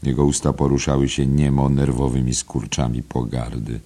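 A man reading a literary novel aloud in a slow, measured, low murmur. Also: completely flat delivery, warm tone. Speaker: audiobook narrator. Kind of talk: literary audiobook narration.

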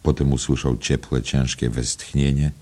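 Super deep guy reading a novel, slow and gravelly. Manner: calm, unhurried literary reading. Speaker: audiobook narrator. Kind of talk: scripted narration.

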